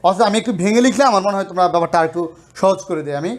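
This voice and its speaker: A man's voice: high-pitched, racing. A man from Bangladesh, a college lecturer, giving a grammar lesson and explaining step by step, often checking in with rhetorical questions.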